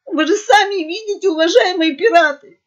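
A woman's voice: very high-pitched, normal speed, pitched above the performer's own voice. A woman voicing a fat, cowardly male pug merchant who stutters and sobs, on a dull lo-fi recording. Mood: sobbing. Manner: stuttering, sobbing.

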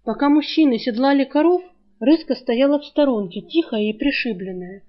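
Woman, audiobook narration, even storytelling, slightly high pitch, dull lo-fi recording. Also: moderate pace. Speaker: audiobook reader. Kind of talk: scripted narration.

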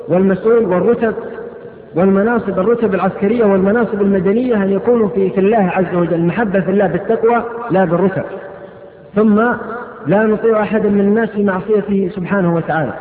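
A man preaching at a religious question-and-answer lecture, reading questions aloud and answering each with quick, firm rulings. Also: high-pitched. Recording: echoey hall on tinny phone-band audio.

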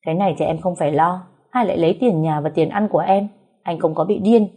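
Woman as calm young boyfriend in an audio story, soft, lowish voice. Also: fast talker, slightly rough. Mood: calm teasing.

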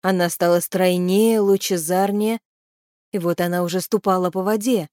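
A woman narrating an audiobook in an even, measured storytelling voice. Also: on the low side, no echo, studio quality. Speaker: audiobook reader.

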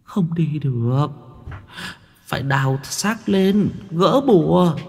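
A man voicing the ghost of a murdered woman, whimpering and pleading in a high keening voice. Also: lively intonation, takes it slowly, gravelly, a little mellow, breathy edge, big-room sound, full character voice. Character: wailing woman ghost, grieving mother spirit.

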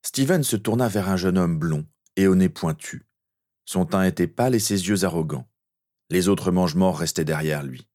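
A man narrating a fan-fiction story as an audiobook in a steady, earnest way. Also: sits low, normal speed.

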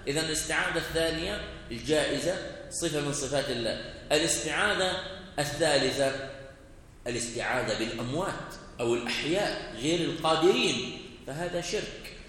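A man giving a religious lesson. He asks his listeners questions, answers them himself and slows down when he recites quoted phrases. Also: on the high side, animated, fairly bright tone. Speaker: sheikh teaching a classical text. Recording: very echoey hall recording with faint noise.

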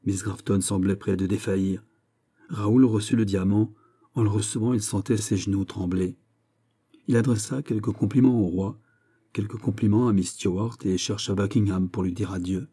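A man narrating a classic novel as an audiobook reader, in a measured, even manner. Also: on the low side, breathy edge.

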